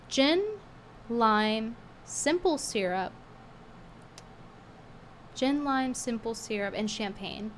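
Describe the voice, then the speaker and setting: A woman streamer with a fairly high-pitched voice chats bluntly and scornfully with viewers during a casual livestream, reading tips aloud. Her cold leaves her voice strained and hard to get out, and slight background noise can be heard.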